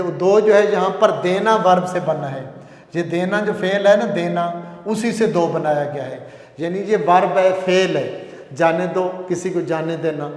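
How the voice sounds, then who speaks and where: A man with a fairly high voice teaches grammar to a class. He explains patiently, repeating each term and chanting verse lines in a lilting sing-song. The room is echoey, with a long reverb trailing his words. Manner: repetitive, explains slowly with examples. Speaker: Urdu grammar lecturer. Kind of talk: classroom lecture.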